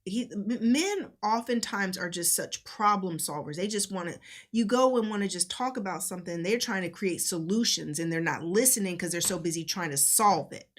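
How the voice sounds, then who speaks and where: A woman's voice: mid-range voice, animated, normal speed. A woman co-hosting a casual couples talk show, talking in an earnest, encouraging, conversational way. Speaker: co-host.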